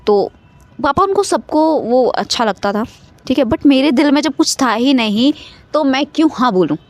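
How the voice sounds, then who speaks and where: This young vlogger has a high, animated voice and speaks at a moderate pace, with no room sound. Telling a personal story casually into her phone, she chats freely, slips in English words, and repeatedly checks in with "okay".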